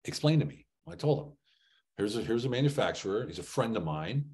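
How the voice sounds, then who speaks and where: A middle-aged business trainer from Germany, low-voiced and fairly quick, tells business stories in a motivational training talk full of anecdotes. He's animated, acting out dialogue and firing punchy rhetorical questions. He's in an indoor room on a group video call, picked up by the video call microphone.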